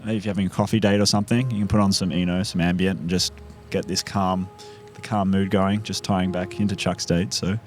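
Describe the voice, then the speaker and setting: A band member musing at length in a casual interview. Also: male voice, deep voice, flat delivery, fairly quick, few pauses, soft background music. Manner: thoughtful, rambling.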